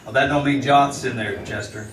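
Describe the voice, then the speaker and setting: An actor playing a weary, authoritative American frontier marshal, dry and steady, in 1950s radio western acting and narration. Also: male voice, mid-range voice, normal speed, close to an everyday voice. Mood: wary. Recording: noisy, echoey old radio recording, distant.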